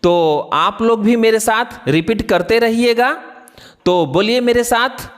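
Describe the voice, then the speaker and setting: A man's voice: extremely high pitch, a little slow. A man teaching children English phonics, spelling each word letter by letter and then saying it, asking them to repeat after him. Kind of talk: slow phonics lesson for children.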